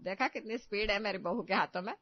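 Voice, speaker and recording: A woman's voice: medium pitch, natural voice. Give me a commanding older mother-in-law, played by a woman in a cartoon, on a dull lo-fi recording. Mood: bossy. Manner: bragging, commanding. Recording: dull, dry lo-fi.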